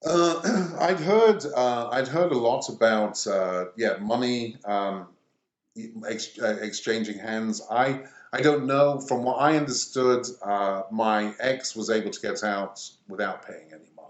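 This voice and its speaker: A middle-aged man from England, speaking as an interview guest in a halting way, pausing often between phrases. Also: mid-range voice, highs cut off. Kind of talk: conversational interview. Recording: echoey room.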